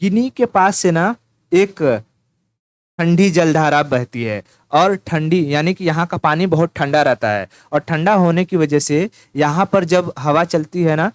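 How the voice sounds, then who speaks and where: A man gives an informal exam-prep lesson, pitched a little higher than most and sounding clear and resonant. He teases the listener and repeats key terms over and over. The recording is close and dry, with no room sound. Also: lively intonation, measured pace, no room sound. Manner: teasing, repetitive, addresses listener as "tu". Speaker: teacher.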